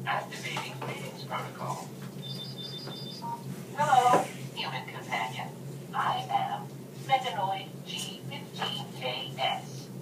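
A woman's voice: fairly high pitch, wildly swooping pitch, full character voice. A toy robot speaking in a stiff, mechanical robot voice with a woman's voice, introducing itself in short formal phrases. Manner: stiff, slow, clipped machine phrases. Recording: echoey room, heard from far off with noise.

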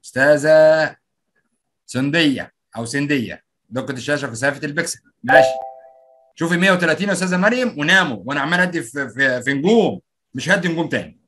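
A brisk, bright-voiced Egyptian man leads a live online training session. He speaks in a slightly high register, full of playful energy as he greets participants and reads out their answers. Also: slight background noise. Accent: Egyptian Arabic.

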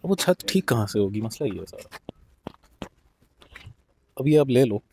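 A man's voice: mid-range voice, sing-song, a little slow, warm tone, slight background noise. A young man walking through an outdoor car lot, chatting as he explains things to the camera, with English phrases mixed in. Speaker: vlogger. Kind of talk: casual walk-through commentary.

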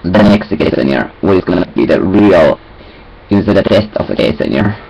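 A young man's low, gravelly voice comes through animated and at normal speed as he rambles casually to himself at a webcam. It's a little mellow with a breathy edge, and he talks in disjointed phrases with sing-song fillers from a small cluttered room. The audio is poor.

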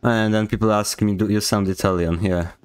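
Streaming a game, this young man from Poland speaks with a Polish accent and keeps up casual commentary that's sarcastic, jokey and mock-indignant. He talks fairly quickly in a smooth, fairly low voice with fairly even intonation.

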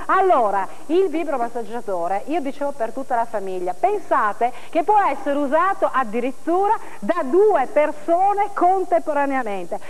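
A woman TV shopping presenter with a very high voice delivers an infomercial pitch. She is insistent and persuasive, repeating her points as she sells, recorded as 1990s local television audio. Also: poor audio.

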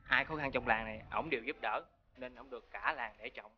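An actor playing a wary henchman who mutters hushed advice. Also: medium pitch, brisk, muffled recording, crowd noise, natural voice. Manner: hushed, confiding.

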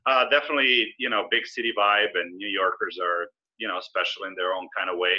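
A Serbian-born man in his forties, a guest in a casual interview, answers questions over a video call in an easygoing, explanatory way. His voice is low, steady and brisk. He sits in an indoor room with a brick wall, picked up by a webcam in slightly lo-fi audio.

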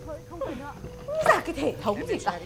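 An actress playing an excitable, nosy wife with shrill exclamations. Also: female voice, fast, very noisy, exaggerated voice. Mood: agitated. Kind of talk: comedy sketch acting.

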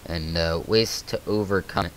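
A man with a slightly low voice talks through a video game as he plays it. He thinks aloud, breaking into nervous little exclamations. A faint hiss sits under the recording. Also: a bit bright. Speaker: gaming channel host. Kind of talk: let's play commentary.

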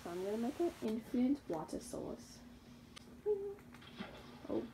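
A woman's voice: fairly high pitch, animated, measured pace, noisy background. A young woman casually commentating her own survival game, chatty and rambling, correcting her own slips and laughing at herself. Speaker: gaming YouTuber. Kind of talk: casual Minecraft gameplay commentary.

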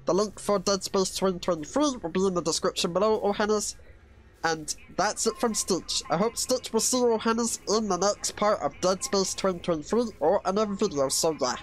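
Stitch, a performer doing the excitable cartoon alien. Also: mid-range voice, a little fast, lightly acted. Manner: refers to self in third person, excitable yelps. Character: Stitch, small mischievous male alien, excitable. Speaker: gaming channel host. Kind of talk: let's play commentary in character.

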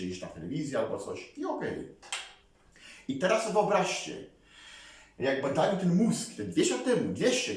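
A man talking casually to his viewers as a vlogger, rambling and animated, often calling on them to listen. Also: a little high, a little hiss or hum. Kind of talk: casual talk to camera. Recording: very echoey room, mic far away.

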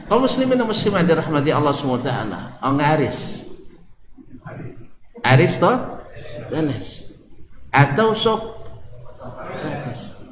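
A man's voice: sits high, slight background noise. A man with an Ocu Malay accent giving an Islamic study lecture, asking the audience questions and joking as he teaches. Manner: lively, jokes with the audience, asks questions. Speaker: preacher. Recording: echoey hall, faint ambience.

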